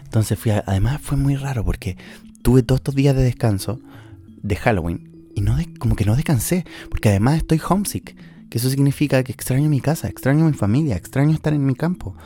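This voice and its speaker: A man's voice: medium pitch, animated, a little fast, mellow. A man in his early twenties with a Chilean accent, talking candidly and emotionally about stress and anxiety in a casual podcast monologue, with faint music behind him. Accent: Chilean Spanish. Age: 20s. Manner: candid, emotional, swings between laughing and tearful. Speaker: podcast host.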